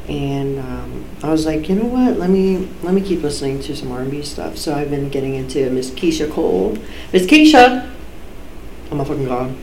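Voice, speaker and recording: A very echoey recording of a podcast host with a soft-edged, mellow, mid-pitched voice. The delivery is a casual, sweary monologue that often interrupts itself. A cheap mic picks up the reverberant room and some faint noise. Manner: informal, sweary, self-interrupting. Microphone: low-quality microphone.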